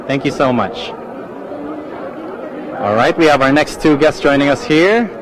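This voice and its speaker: Higher-voiced man, gushing red carpet host. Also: animated, unhurried, a crowd in the background. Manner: complimentary, echoes guests' answers. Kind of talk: gushing red carpet chatter, live interviewing. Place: outdoor red carpet event. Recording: noisy crowded outdoor event, traffic.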